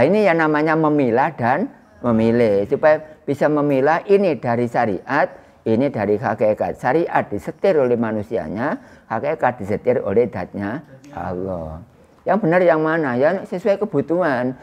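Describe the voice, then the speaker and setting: A religious teacher in his sixties with an East Javanese accent gives an Islamic study lecture to a small indoor congregation, projecting loudly without any microphone or loudspeaker. His medium-pitched voice has lively intonation and a moderate pace, and he chats conversationally with listeners, teasing the audience.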